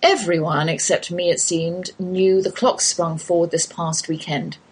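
A woman's voice: on the low side, fairly even intonation, unhurried, breathy edge. A middle-aged English woman hosting a homeschooling podcast, telling homely stories with wry asides. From England. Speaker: podcast host. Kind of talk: scripted podcast monologue.

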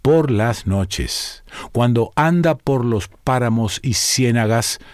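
Male storyteller, measured and deliberate folk-tale reading, mid-pitched, unhurried. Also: animated, no echo, clean studio sound. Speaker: narrator.

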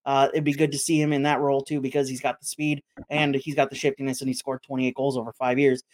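A man's voice: medium pitch, flat delivery, quick pace. An American man hosting a sports podcast, talking through results and upcoming fixtures in a matter-of-fact way. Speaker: sports podcast host and match broadcaster. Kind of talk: sports podcast talk with schedule announcements.

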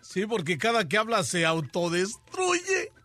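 A man co-hosting a radio joke show, laughing and chiming in with slow punchlines. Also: high-pitched, sing-song, heavy background noise. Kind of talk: joking radio banter.

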